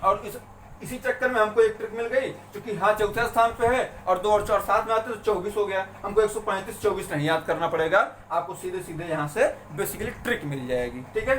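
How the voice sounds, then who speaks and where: A man teaching a grammar lesson for an exam, asking questions and answering them himself, and saying consonants slowly one at a time. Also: sits high, a bit bright. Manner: asks and answers his own questions. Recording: roomy, mic a bit far off, faint room noise.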